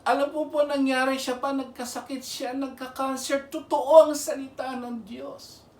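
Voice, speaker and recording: A man's voice: extremely high pitch, little pitch movement, moderate pace, a little mellow. A man preaching earnestly, urging his listeners again and again to listen closely as he teaches from the Bible. His voice sounds distant from the mic and echoes through a roomy space. He slips English phrases in between his Filipino. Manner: earnest, pleading, repeats "pakinggan nyo". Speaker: lay minister and preacher. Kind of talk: preaching a Bible lesson to camera.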